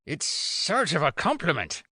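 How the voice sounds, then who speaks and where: A woman voicing Smee, a dim, loyal pirate boatswain, in a slow, plodding, simple-minded manner. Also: deep voice, huge pitch swings, sharp tone, slightly rough, no echo, clean studio sound, pitched below the performer's own voice, exaggerated voice.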